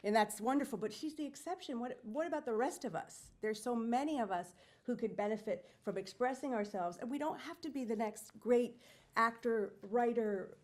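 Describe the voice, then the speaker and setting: A woman's voice: a little high, moderate pace. Chatty woman enthusing about theater. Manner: talkative, enthusiastic, with restarts. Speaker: community panel participant, theater enthusiast. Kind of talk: casual discussion.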